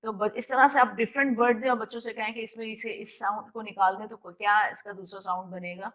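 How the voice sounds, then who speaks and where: A woman's voice: mid-range voice, fairly even intonation, fairly quick, a bit bright, rough recording. A woman with a Pakistani Urdu accent leading an online teacher training session, explaining patiently, mixing in English words and sounding words out phoneme by phoneme.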